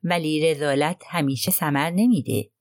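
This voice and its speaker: A woman's voice: deep voice, no echo, studio quality. A woman voicing a prim, self-righteous older housekeeper who complains indignantly, in an audiobook.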